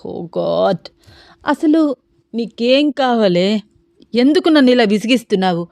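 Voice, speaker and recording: Female narrator as young heartbroken doctor, gruff, dismissive, dry read. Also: medium pitch, moderate pace, a little mellow, no echo, lightly acted. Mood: bitter, angry. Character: bitter heartbroken young male doctor, drinking.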